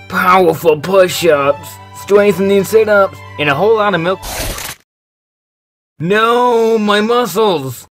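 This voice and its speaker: Woman voicing a playful cartoon host, low-pitched. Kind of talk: amateur animation voice acting.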